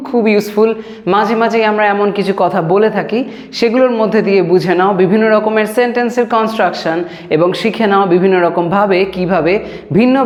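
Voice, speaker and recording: Patient teacher man in an echoey room. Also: sits high. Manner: patient, repeats phrases slowly word by word. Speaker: English teacher. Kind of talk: spoken English lesson. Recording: echoey room with long reverb.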